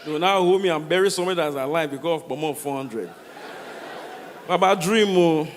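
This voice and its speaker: A Nigerian man performing comedic stories to a live audience, animated, slipping into Pidgin and acting out dialogue. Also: a little high, a little fast, some chatter behind. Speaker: stand-up comedian. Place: large hall with a stage. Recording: echoey hall, noisy live sound.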